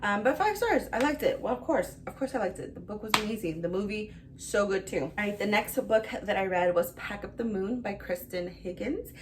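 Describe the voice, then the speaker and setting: A woman's voice: medium pitch, animated, fairly quick, hardly any pauses, background noise. A young woman reviewing books in a casual vlog, chatty and rambling, full of fillers and gushing about what she read. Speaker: book reviewer.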